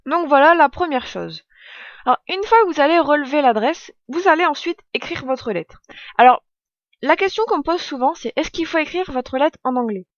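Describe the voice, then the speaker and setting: A woman's voice: high voice, animated, moderate pace, no room sound, dull audio. A woman in her twenties explaining a tutorial step by step in a chatty, self-correcting way. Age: 20s. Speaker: tutorial vlogger. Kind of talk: casual screen-recorded tutorial.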